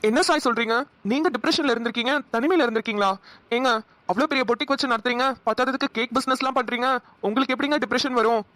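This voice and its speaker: In a Tamil cartoon, a woman voice actor plays a sad, lonely young man who is a caring brother, delivering his lines in a mournful, heavy-hearted way. Her voice is a little high, fast and fairly bright, lightly acted, and dry in the recording.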